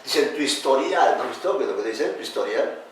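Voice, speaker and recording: A man teaching a class, lively and questioning, calling his students "hijo". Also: mid-range voice, brisk. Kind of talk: classroom lecture. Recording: echoey room, speaker far from the mic.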